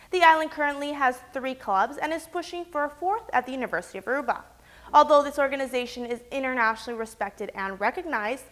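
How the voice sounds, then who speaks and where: A woman's voice: high-pitched, fairly bright tone. A woman hosting a local TV news segment, reading scripted narration. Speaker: TV news host and reporter.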